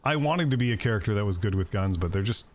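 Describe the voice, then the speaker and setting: A man's voice: lowish voice, expressive, fast. A man streaming a video game, chatting casually and joking with viewers while he plays. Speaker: gaming streamer. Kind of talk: casual gameplay commentary.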